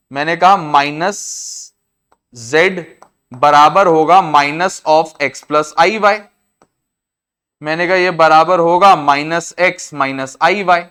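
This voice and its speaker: A man with an Indian accent teaching a maths class, explaining each step slowly and repeating himself. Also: a little high, pushed and bright, smooth. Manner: repetitive, explains step by step, often says "I said". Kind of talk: classroom lecture to students.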